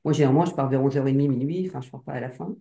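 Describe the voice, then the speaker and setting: Speaking very fast in a bass, creaky, mellow voice, a woman gives a casual personal account of her time as a hypnosis client. She hesitates, restarts, and uses many fillers, and the space sounds roomy and echoey.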